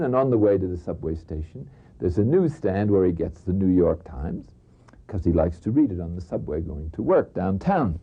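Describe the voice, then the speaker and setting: A man, a priest, giving a reflective, conversational spiritual talk with stories and soft laughs. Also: fairly low pitch, slightly rough. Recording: slightly dull lo-fi recording.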